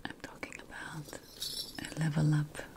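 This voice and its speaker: In an ASMR fantasy roleplay, a woman plays a sly, conspiratorial witch brewing potions, whispering slowly and deliberately with dramatic pauses in a hushed, confiding mood. Her voice is deep, gravelly and monotone.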